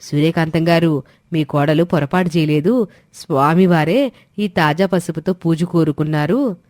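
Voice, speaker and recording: A woman's voice: low-pitched, moderate pace, no room sound, studio quality, close to an everyday voice. A woman as a stern proud mother-in-law. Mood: defiant. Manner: forceful, scolding. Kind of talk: storybook drama voice.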